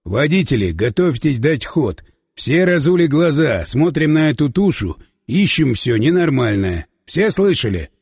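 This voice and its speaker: A gruff commander barking short, shouted orders, as a male audiobook narrator puts him on. The voice sits lower than the narrator's own and has a husky grain. A long reverb tail trails behind each command. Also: big pitch swings, unhurried, clean studio sound, exaggerated voice. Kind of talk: audiobook character voice.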